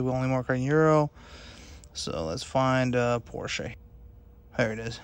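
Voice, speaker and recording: Mechanic guy chatting casually while he pokes at a scan tablet in the car, laid-back, some ums. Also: mid-range voice. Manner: relaxed, matter-of-fact, with fillers. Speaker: auto mechanic reviewing a scan tool. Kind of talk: casual hands-on demo narration. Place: inside a car in a workshop.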